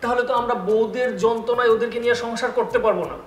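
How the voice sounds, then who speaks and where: A man's voice: extremely high pitch, level tone, very fast. An actor playing a younger son who soothes his wife and urges his brother to act. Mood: pleading. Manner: coaxing, reassuring. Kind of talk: village TV drama acting.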